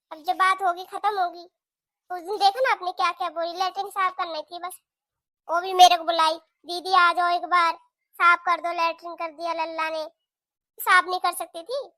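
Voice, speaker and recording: A sharp-tongued young sister-in-law who complains and argues indignantly, as a woman voices her for a cartoon. The tone is very high and bright, recorded dry and close. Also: fairly even intonation, normal speed, dry recording. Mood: grumbling. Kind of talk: cartoon voice acting.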